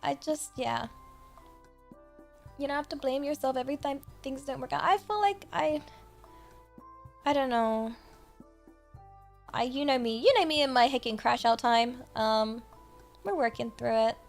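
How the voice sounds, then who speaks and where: A woman's voice: high-pitched, unhurried, gravelly, long pauses. A British woman hosting a casual livestream, chatting in a cute anime-streamer manner with playful thank-yous to viewers. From Britain. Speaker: VTuber livestream host. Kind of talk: casual livestream chat, reading out and thanking supporters. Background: music.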